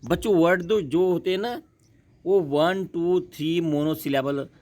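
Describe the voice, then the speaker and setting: A man teaching a class, slowly repeating words and asking and answering his own questions. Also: a little high, a little mellow. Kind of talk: classroom lesson.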